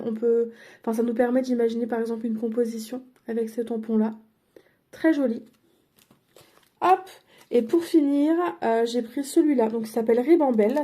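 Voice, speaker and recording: Brisk and fairly high-pitched with a dark tone, a crafting vlogger walks through the craft supplies she bought in a casual product haul. She is chatty and hesitant, filling pauses and correcting herself often.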